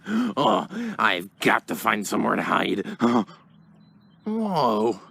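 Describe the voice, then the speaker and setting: A man's voice: fairly low pitch, huge pitch swings, slow, gravelly, sharp tone, slightly rough, full character voice. A man voicing a boastful, mischievous plush toy who giggles to himself. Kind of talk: plush toy puppet skit.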